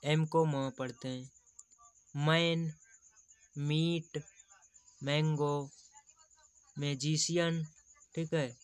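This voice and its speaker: Slow male teacher. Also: a little high, clear, resonant tone, no room sound. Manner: slow, explains patiently, repeats examples. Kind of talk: teaching English pronunciation in Hindi.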